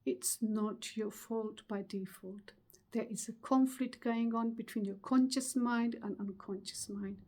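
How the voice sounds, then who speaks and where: A middle-aged woman giving a motivational webinar talk, earnest and emphatic, with many pauses. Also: on the high side, steady tone, dark tone. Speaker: speaker.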